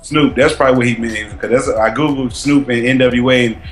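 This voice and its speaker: A man's voice: medium pitch, steady tone, fairly quick, roomy sound, soft background music. A man co-hosting a casual podcast chat, hesitant and rambling, cursing freely. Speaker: podcast co-host.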